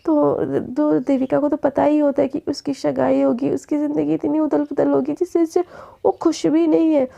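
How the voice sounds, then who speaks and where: A woman's voice: high voice, little pitch movement, normal speed, gravelly, warm tone, muffled recording. A woman narrating a college romance story in a casual spoken way, voicing each character's lines herself.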